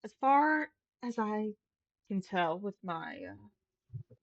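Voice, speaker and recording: A woman voicing a weary old woman with faint magical powers, speaking slowly and haltingly. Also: medium pitch, expressive, no echo, lo-fi sound, pitched above the performer's own voice. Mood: weary, smug.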